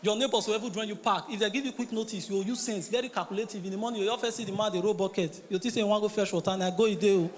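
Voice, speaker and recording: A man's voice: high-pitched, rapid-fire, hardly any pauses. A man with a Nigerian Pidgin accent doing stand-up comedy, telling stories and acting out the characters in them. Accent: Nigerian Pidgin English. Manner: animated storytelling, acting out characters. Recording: reverberant hall.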